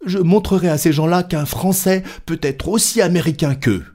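A man voicing an excitable young French manservant in an audiobook reading, insistent and protesting as he keeps getting cut off. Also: a little high, normal speed, voice pushed up, lightly acted. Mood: flustered insistence.

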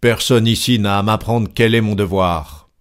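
A man's voice: lowish voice, normal speed, clean tone, close to an everyday voice. A man reading aloud, voicing a stern, proud army captain in an audiobook with a curt, firm delivery. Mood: indignant.

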